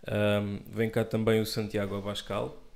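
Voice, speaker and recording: A man's voice: lowish voice, completely flat delivery, a little slow, gravelly, a little mellow. A man co-hosting a casual political chat, delivering wry, sarcastic asides. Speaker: podcast co-host.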